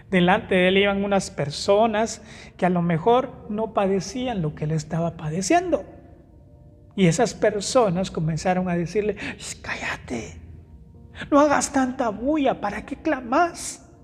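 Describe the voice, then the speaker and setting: A man preaching a sermon in church, emphatic, rising to loud exclamations and dropping to soft asides, with fillers and self-corrections. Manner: emphatic, swinging between raised exclamations and soft low asides; hesitant fillers and self-corrections while finding verses. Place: church hall. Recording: reverberant church hall with music behind.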